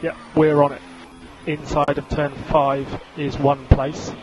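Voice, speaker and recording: This man's voice sits a little high and stays monotone as he takes his time. He's a race engineer issuing clipped, businesslike orders on team radio and repeating important calls, heard through a very noisy link full of engine and vehicle noise.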